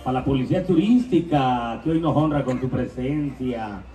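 A man from Mexico doing bawdy live stand-up at a party, shouting catchphrases to the crowd. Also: mid-range voice, normal speed, soft background music. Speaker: stand-up comedian. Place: large event hall, party. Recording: roomy live PA sound from a distance.

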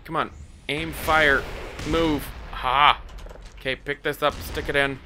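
A man's voice: fairly high pitch, steady tone, slow, background noise. A man hosting a casual let's-play, chatty and jokey, yelping at his in-game mishaps. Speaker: gaming channel host.

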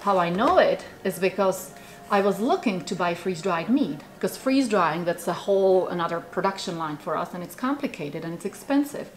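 A woman's voice: lowish voice, lively intonation, fairly quick. A woman from the Czech Republic in her forties with a Czech accent, chatting animatedly in an interview in a small office, with many fillers. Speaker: food company founder. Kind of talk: casual interview chat. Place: small office with bookshelves, indoors.

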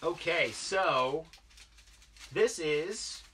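This thirties toy collector vlogger has a voice on the high side with lively intonation, a bit bright, and he talks very slowly. He rambles enthusiastically about the toys he's unboxing in his basement toy room, filling his speech with fillers. The mic is distant, with a little hiss or hum.

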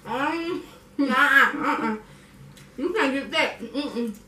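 High, bright-voiced boastful young woman. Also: takes it slowly. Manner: boastful, teasing. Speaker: hot wing challenge contestant. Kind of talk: casual chat while eating. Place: indoor room, seated at a table. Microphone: camera a few feet away. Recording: echoey room, distant mic, faint noise.

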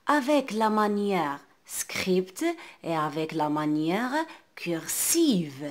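A woman with a North African French accent, teaching a reading lesson to young children and sounding out words clearly. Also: on the low side, lively intonation. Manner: slow, carefully enunciated, repeating words for children.

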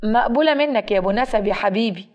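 A woman's voice: fairly high pitch, very fast, darkish tone, lightly acted. A woman in Egyptian Arabic voicing a cheeky, rude brother-in-law in a storybook tale. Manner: cheeky and mocking.

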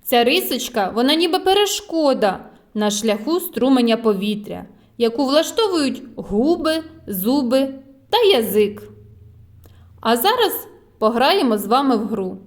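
A woman with a fairly high voice leads a lesson for small children. She speaks very slowly in a sing-song way, drawing out each sound clearly and coaxing the little ones with questions. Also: very animated. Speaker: preschool teacher.

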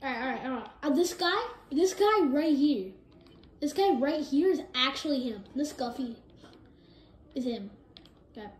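A woman giving excitable live gameplay commentary, jumping between hyped shouts and low mumbles. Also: normal speed, pauses often. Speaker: gaming video creator. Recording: roomy echo with faint noise.

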